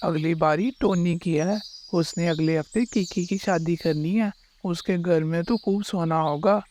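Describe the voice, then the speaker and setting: A man voicing a scheming, hot-tempered male thief bird who is a father, in a gruff, threatening manner. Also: on the high side, unhurried, darkish tone, a little hiss or hum, close to an everyday voice. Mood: gruff scolding. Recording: faint music behind the voice.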